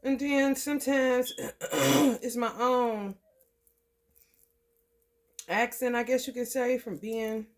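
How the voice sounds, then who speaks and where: A Midwestern American woman gives a casual, profane tarot reading to camera, her slightly high voice steady and slow with long pauses. Allergies have left her throat scratchy, so she keeps clearing it and laughing between thoughts.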